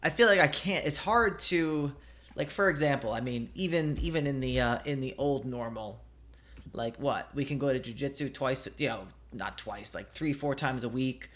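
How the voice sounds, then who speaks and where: A man's voice: medium pitch, moderate pace, a bit bright. A man in a casual conversation, hesitant and restarting often as he thinks aloud.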